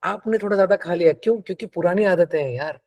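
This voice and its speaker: A middle-aged man with a slightly high voice coaches a live audience, sliding between Hindi and English. He acts out his clients' excuses in quick little voices as he makes his points. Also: darkish tone. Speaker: fitness coach. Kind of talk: live masterclass talk.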